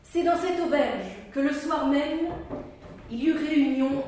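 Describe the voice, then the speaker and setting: Lady reading an old novel out loud, fairly high voice, super echoey and far from mic. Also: a little hiss or hum. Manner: measured, expressive storytelling with a stumble. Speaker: audiobook reader. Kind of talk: reading a classic novel aloud.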